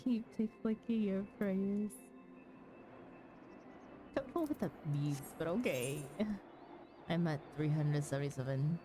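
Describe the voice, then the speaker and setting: Music plays behind a woman who speaks slowly, with long pauses, in a voice on the low side. She's hosting a gaming livestream and chatting with viewers in a relaxed, casual way.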